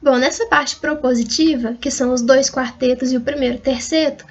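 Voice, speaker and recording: A woman's voice: high voice, fairly even intonation, moderate pace, highs cut off. A Brazilian woman lecturing on poetry, patiently and methodically spelling out rhyme schemes letter by letter. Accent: Brazilian Portuguese. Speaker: university literature lecturer. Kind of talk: recorded online lecture.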